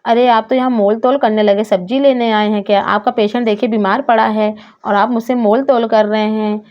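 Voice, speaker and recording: A brisk woman doctor talks down to her patient's family, as a woman puts her on in a homemade doll story. The voice sits fairly high. The recording is dull and lo-fi. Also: fairly even intonation, lightly acted. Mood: scolding. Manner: brisk and scolding. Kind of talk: doll story role-play. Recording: dull lo-fi sound.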